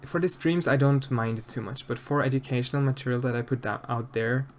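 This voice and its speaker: A soft-spoken man from Austria, with an Austrian German accent, chats hesitantly with his live-stream viewers while sculpting, his speech full of fillers and restarts. His mid-range voice is fairly even and fairly quick, with slight background noise.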